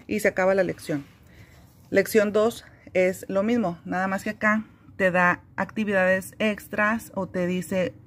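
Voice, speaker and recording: A woman explaining how a children's reading curriculum works, in a relaxed, conversational teaching manner with frequent fillers. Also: on the low side. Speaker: homeschooling teacher.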